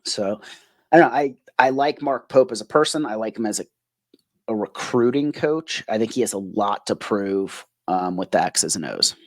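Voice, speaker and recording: A man's voice: lowish voice, lively intonation, moderate pace, no room sound. A man co-hosting a podcast in casual conversation, talking in long stretches and often tagging his points with a questioning "right?". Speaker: podcast co-host. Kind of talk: casual sports podcast chat.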